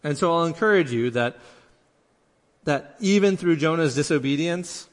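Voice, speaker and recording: A man's voice: a little high, expressive, moderate pace, long reverb tail. A man preaching a sermon in an earnest way, acting out the lines he quotes and often restarting his words. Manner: earnest, acts out quoted speech, many restarts.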